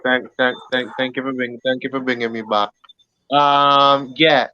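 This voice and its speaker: A man's voice: mid-range voice, little pitch movement, moderate pace, bright, forceful tone, clear, resonant tone, no echo, dull audio. A man hosting a casual football podcast, reading out viewer comments in a laid-back way.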